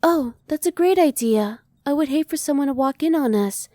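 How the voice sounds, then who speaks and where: In an ASMR roleplay, a woman plays a curious, emotionally reserved female alien, speaking softly with formal, measured, precise words. Her voice is high-pitched and animated, and her mood comes across as curious and tentative. The recording is studio quality with no echo.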